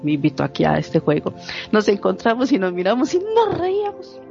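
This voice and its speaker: A woman chatting casually, telling a warm personal story with laughter and mimicked dialogue. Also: mid-range voice, wildly swooping pitch, a little fast, creaky. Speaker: guest sharing a story. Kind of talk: casual chat. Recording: slightly dull lo-fi audio, faint music.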